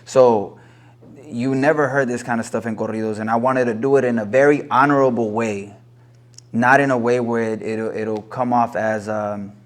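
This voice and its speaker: Guest: thirties man from LA, mid-pitched, earnest, reflective storyteller, drops Spanish phrases. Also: steady tone, normal speed. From Los Angeles. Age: 30s. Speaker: guest, corrido singer. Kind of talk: casual interview chat.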